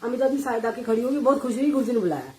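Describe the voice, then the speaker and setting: A woman's voice: fairly high pitch, expressive, rapid-fire, a little mellow, poor audio. A middle-aged woman sharing a personal devotional testimony, mixing Hindi and English and retelling dialogue with animation. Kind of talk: personal storytelling.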